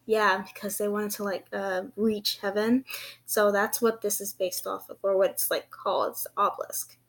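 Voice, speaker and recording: A woman's voice: medium pitch, level tone, normal speed. A young woman with a lisp that turns s slushy, like sh, chatting casually in a hesitant, giggly, self-deprecating way for a vlog. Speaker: vlogger. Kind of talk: casual rambling vlog chat.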